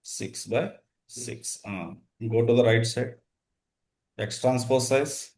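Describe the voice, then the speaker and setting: A man's voice: medium pitch, slow pace, darkish tone. A man teaching an interactive coding lesson, dictating in short fragments and quizzing his students as he goes. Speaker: instructor.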